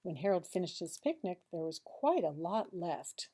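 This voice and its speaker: Woman, teacher reading a picture book to children: lowish, dark mellow tone, expressive delivery with pauses and confiding asides. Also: slight background noise. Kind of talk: children's storybook read-aloud with asides.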